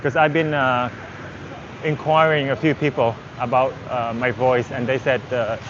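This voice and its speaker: At a normal speed and in a level, medium-pitched voice, a native Vietnamese man chats casually in English, rambling and musing aloud like a travel livestreamer strolling along. He's on a busy city street outdoors, recorded in dull audio with loud traffic, vehicles and street noise.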